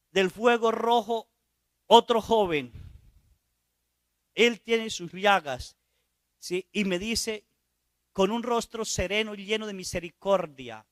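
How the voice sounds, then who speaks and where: High, bright-voiced priest preaching. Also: male voice, no room sound. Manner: retells a story, drops to quiet asides, quizzes listeners with rhetorical questions. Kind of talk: sermon storytelling.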